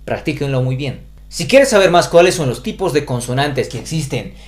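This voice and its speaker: A man's voice: medium pitch, expressive, normal speed. A man with a Bolivian Spanish accent giving a pronunciation lesson, carefully spelling out each sound. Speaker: language teacher.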